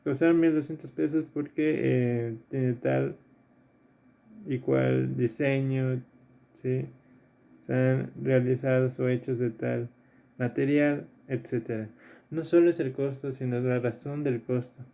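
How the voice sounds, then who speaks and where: Un hombre, profesor de filosofía, da una clase a distancia y repasa ejercicios paso a paso. Repite los términos clave y pregunta "¿sí?" a menudo. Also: male voice, mid-range voice, steady tone, slow, gravelly, dark tone. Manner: explains step by step, repeats key terms, checks in with "¿sí?". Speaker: philosophy teacher. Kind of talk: recorded remote lesson reviewing exercises.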